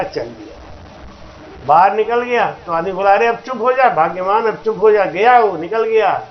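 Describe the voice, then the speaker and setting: A man giving a storytelling sermon at a satsang, acting out characters in folksy dialogue and breaking into slow sung verses. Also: sits high. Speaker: spiritual teacher giving a satsang discourse. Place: religious gathering hall. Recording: roomy, dull lo-fi recording with faint noise.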